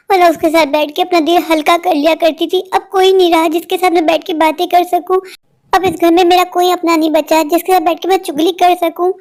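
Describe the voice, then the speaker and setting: A sharp-tongued older mother-in-law, as a woman voices her in an animated family story. Her high-pitched voice keeps scolding and complaining. She shouts for her daughters-in-law and grumbles about them. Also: lightly acted. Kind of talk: cartoon voice acting.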